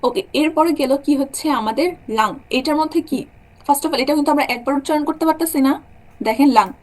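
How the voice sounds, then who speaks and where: Her voice high and her pace fairly quick, a young woman teaches German in an online class. She lays out grammar rules one step at a time, often pausing to make sure students understand.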